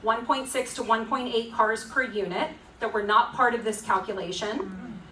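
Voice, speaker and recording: A woman's voice: on the high side, moderate pace, pushed and bright. A woman with a Florida accent giving an informal, explanatory presentation at a community meeting, with a conversational, wryly critical manner. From Florida, United States. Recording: echoey room, distant mic, faint noise.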